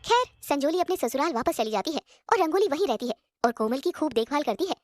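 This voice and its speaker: A woman narrating a scripted animated family story. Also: sits high, dry recording. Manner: plain, brisk storytelling.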